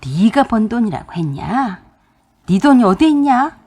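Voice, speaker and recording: A woman voicing a stingy, sharp-tongued older mother-in-law who scolds loudly in a husky voice. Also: fairly high pitch, big pitch swings, unhurried, full character voice. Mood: nagging.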